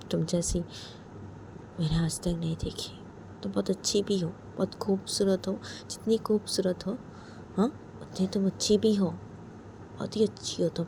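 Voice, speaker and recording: Soft-spoken woman in romantic role-play. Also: lowish voice, slight background noise. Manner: soft, pleading and coaxing, often dropping to a whisper.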